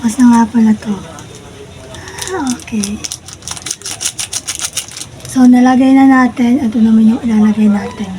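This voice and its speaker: A woman's voice: a little high, fairly even intonation, a little slow, pauses often, warm tone, slight background noise, poor audio. A Filipino woman vlogger chatting casually to her viewers as she films a food challenge. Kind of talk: casual vlog talk to viewers.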